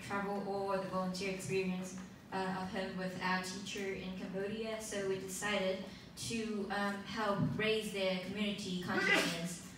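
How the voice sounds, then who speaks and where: A teenage girl from Taiwan, a native Mandarin speaker, presenting a student pitch in English. She speaks carefully, with light fillers. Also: level tone, moderate pace, noisy background. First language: Mandarin Chinese. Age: teens. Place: conference hall, indoors. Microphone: handheld mic at a lectern, filmed by a far phone camera. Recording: echoey hall from far off.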